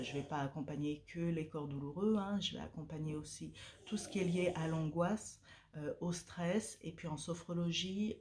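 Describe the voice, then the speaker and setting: A woman's voice: low-pitched, darkish tone, slight background noise. A woman from French Guiana, a sophrologist, talking casually to camera at home with many hesitations and repeated words. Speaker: vlogger and sophrologist. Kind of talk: casual vlog talk to camera. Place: at home, a dog snoring nearby.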